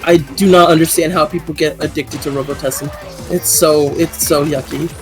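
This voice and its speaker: A woman's voice: low-pitched, fairly even intonation, normal speed. A woman chatting casually on a game stream, giggly and talkative. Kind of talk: casual chat while gaming. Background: game music.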